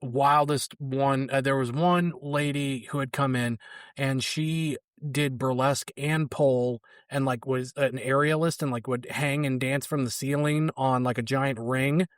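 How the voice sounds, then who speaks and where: A young man talks through his comedy stories in a loose, rambling way, filling gaps with ums and likes. His voice sits at a middling pitch. The recording is dry and close, with no room sound. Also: steady tone, measured pace, no echo. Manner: loose, rambling delivery with frequent fillers. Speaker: guest comedian. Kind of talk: casual anecdotal storytelling.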